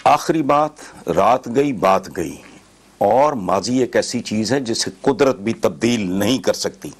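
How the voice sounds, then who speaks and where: A man's voice: on the low side, animated, slow. A man, a political commentator arguing emphatically and slipping English phrases into his talk. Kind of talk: heated talk show debate.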